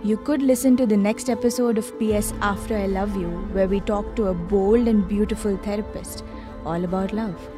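A woman's voice: mid-range voice, steady tone, normal speed. Woman podcast host over music. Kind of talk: scripted podcast outro.

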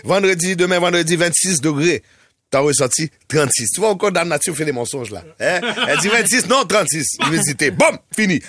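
Man doing a weatherman, boastful, singsong, high-ish voice, dry studio. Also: expressive, brisk, fairly bright tone, dry recording. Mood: playful. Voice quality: singsong, theatrical, hammy. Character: boastful Haitian male radio weatherman. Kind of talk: comedy radio sketch.

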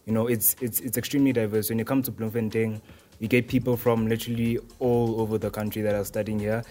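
A man's voice: lowish voice, little pitch movement, fast, warm tone. A young man from Johannesburg answering interview questions, hesitant and rambling with restarts. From Johannesburg, South Africa. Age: young adult. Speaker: interviewee, student radio presenter.

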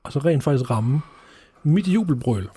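A man from Denmark co-hosting a podcast, telling deadpan comic stories with hesitant fillers. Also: on the high side, slightly rough. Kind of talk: comedic casual chat.

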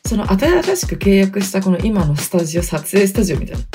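A woman around thirty from Hokkaido, hosting her own podcast with chatty, self-deprecating solo talk, speaking quietly from inside a closet. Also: mid-range voice, very animated, fast talker, music in the background. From Hokkaido, Japan. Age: 30s. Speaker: podcast host. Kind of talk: casual solo podcast chat. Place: inside a closet in a wooden apartment studio. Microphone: computer mic in closet.

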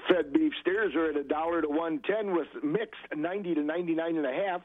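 A man's voice: on the high side, no room sound. Man reading prices over a phone line. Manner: steady, matter-of-fact number reading. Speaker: livestock market reporter. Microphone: telephone.

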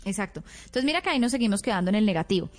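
A woman's voice: medium pitch, expressive, very fast. A woman parenting expert explaining in a teaching manner, acting out example phrases a parent might say. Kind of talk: explanatory podcast talk.

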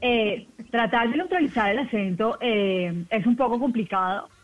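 A woman from the Colombian Caribbean coast with a softened coastal accent, a TV news presenter chatting quickly as a radio guest. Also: on the high side, expressive. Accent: Colombian coastal Spanish, softened. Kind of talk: casual radio chat. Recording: tinny phone line, dry.

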